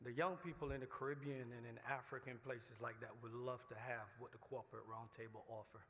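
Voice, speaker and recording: A man from Barbados with a Barbadian accent, giving an earnest, halting acceptance speech in which he repeats himself. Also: mid-range voice, steady tone, fairly bright tone. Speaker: award recipient. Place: hotel banquet room. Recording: reverberant hall, faint noise.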